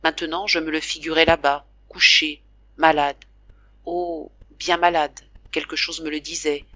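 A woman reading a classic novel aloud as audiobook narrator, in a slow, emotive, dramatic manner. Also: low-pitched, flat delivery, bright, forceful tone, no room sound, dull audio. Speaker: audiobook reader.

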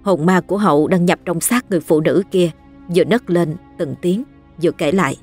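A narrator telling a ghost story in a steady, scripted way. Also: medium pitch, fairly quick, breathy edge, soft background music.

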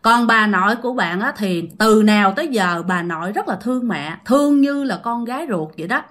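Animated Southern Vietnamese woman storyteller. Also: mid-range voice, a little fast. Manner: chatty, addresses listeners directly. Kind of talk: ghost story narration.

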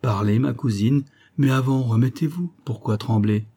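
A man's voice: medium pitch, normal speed, warm tone, slightly rough. A man reading a wounded, earnest colonel.

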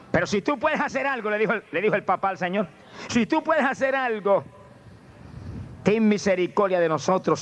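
Fervent high-voiced preacher, lo-fi tape. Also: male voice. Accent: Puerto Rican Spanish. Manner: fervent, swings from low asides to high exclamations of praise. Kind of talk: sermon. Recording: dull lo-fi tape with faint noise.

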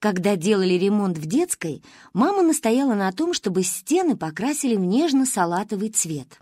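A woman narrating a story in an expressive, playful storybook reading. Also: mid-range voice, moderate pace, husky, no room sound, studio quality. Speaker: audiobook narrator.

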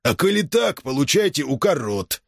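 Guy playing a mean sneering jailer, barks threats, swings up and down in pitch, dry close sound. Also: very animated, moderate pace, gravelly, no room sound, heavily acted. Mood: threatening. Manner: condescending, menacing, hissing threats. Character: stern condescending male jail commandant, threatening. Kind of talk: audiobook character voice.

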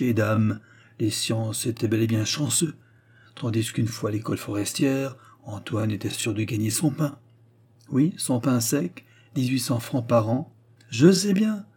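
A man voicing a proud, talkative forest warden, bright and eager in the reading of a novel. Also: mid-range voice, breathy edge.

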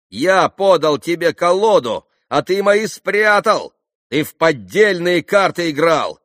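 A man voicing a blustering middle-aged innkeeper who scolds loudly. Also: high voice, dry recording, clean studio sound, voice pushed up, heavily acted. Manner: loud, scolding.

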